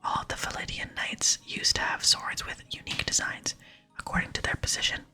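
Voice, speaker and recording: Video game dialogue is read out in a gentle, unhurried whisper by a woman who hosts an ASMR gaming channel, keeping her voice soft and hushed throughout.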